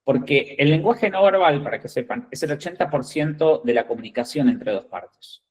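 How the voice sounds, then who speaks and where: Hombre argentino dando consejos firmes. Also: male voice, a little high, lively intonation, normal speed, low-quality recording. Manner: direct, emphatic, checks in with "¿bien?" and "¿ok?". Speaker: executive recruiter. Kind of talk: instructive talk to job candidates.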